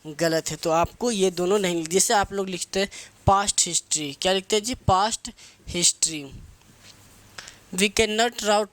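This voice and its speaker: Here a man with a high, fairly bright voice and a measured pace gives an English grammar lecture for competitive exam students. He quizzes the class and supplies the answers himself to drill terminology, mixing English phrases into his Hindi.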